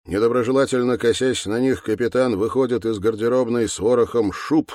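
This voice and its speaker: A man narrating an audiobook in a matter-of-fact, measured way. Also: medium pitch, a little mellow, no echo, clean studio sound.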